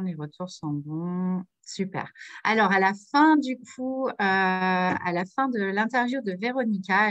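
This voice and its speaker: A woman's voice: medium pitch, dry recording, muffled recording. A woman hosting an online summit livestream, chatting with viewers and introducing her guest with frequent laughs. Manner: chatty, warm-up banter with viewers, often laughing. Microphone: video call.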